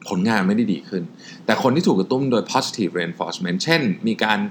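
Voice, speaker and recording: Deep-voiced man explaining lively. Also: a little hiss or hum. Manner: chatty, polite particles, repeats key points. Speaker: podcast host. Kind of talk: casual explainer talk.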